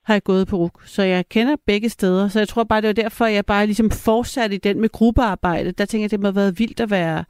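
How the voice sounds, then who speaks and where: A woman hosting a late-night radio show with a warm, mellow voice. She keeps things casual, offering short, attentive prompts and questions. The sound is dry and close. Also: medium pitch, steady tone, hardly any pauses, smooth, no room sound. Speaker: radio host.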